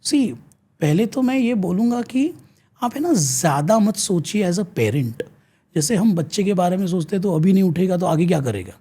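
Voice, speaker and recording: An Indian man speaks as an interview guest, explaining ideas in an earnest, teacherly way. His voice is husky and mellow, and his pitch rises and falls a great deal. He switches freely between Hindi and English. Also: lively intonation, normal speed.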